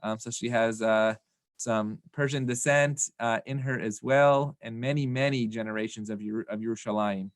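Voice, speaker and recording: A man's voice: mid-range voice, steady tone, moderate pace, no echo. Dry-sounding man interviewing. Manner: friendly, asks long rambling questions. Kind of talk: live online interview.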